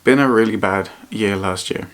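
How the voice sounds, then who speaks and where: A man vlogging in a reflective, personal way, speaking earnestly and haltingly and often repeating his phrases. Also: lowish voice, fairly bright tone. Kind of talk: personal vlog to camera, reflective talk.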